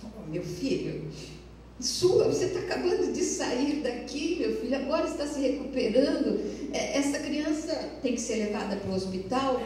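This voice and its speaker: A woman's voice: high-pitched, sing-song, normal speed, darkish tone, a little hiss or hum, pitched above the performer's own voice. A woman voicing a worried mother who coaxes her son anxiously, recorded with a far mic in an echoey hall. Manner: anxious, coaxing. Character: worried middle-aged mother.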